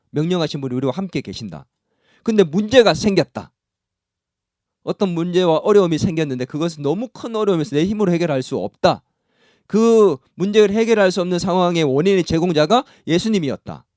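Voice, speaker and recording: A male pastor preaching a sermon in a church, talking in an animated, conversational way and often putting questions to the congregation. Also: high voice, no echo, studio quality. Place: church sanctuary.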